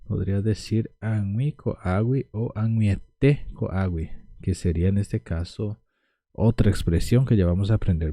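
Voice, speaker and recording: A man teaching a language lesson at a whiteboard, slowly repeating words for pronunciation practice. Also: low-pitched, warm tone, no echo.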